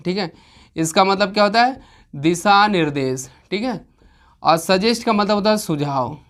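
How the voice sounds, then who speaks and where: A woman's voice: mid-range voice, fairly bright tone. A woman teaching an exam-prep grammar lesson, explaining step by step with frequent rhetorical questions and check-ins. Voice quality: clears throat now and then.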